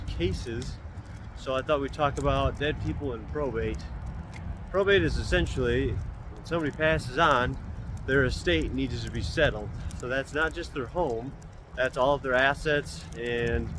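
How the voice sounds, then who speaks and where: Clear street and car noise surrounds a man speaking outdoors as he walks. His pitch is average for a man. He explains things in a casual, conversational way, like a real estate agent addressing regular viewers. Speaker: real estate agent hosting a weekly video. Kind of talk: casual informal talk to camera while walking. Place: outdoors on a walk. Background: cars and outdoor ambience.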